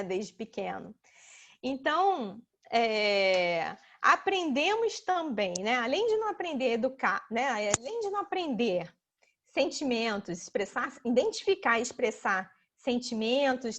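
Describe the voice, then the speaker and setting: A woman presents a talk over a video call, her voice sitting high. She explains ideas step by step, checks in often with her listeners and slips into lively voices for examples. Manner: explanatory, sprinkles "né?", acts out children and mothers in high voices. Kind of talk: casual online talk with slides.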